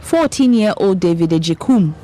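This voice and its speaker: A woman's voice: mid-range voice, lively intonation, normal speed, dark tone. A woman with a Ghanaian accent presenting and narrating a news programme from a script. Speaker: presenter and reporter.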